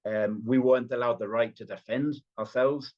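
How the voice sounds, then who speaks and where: Muffled audio carries a mid-range male voice, fairly even in intonation and moderate in pace. The man is from Britain, has a British accent with a slight Venezuelan tinge, and speaks fluently but with many fillers and restarts as a party official guesting on a remote podcast interview.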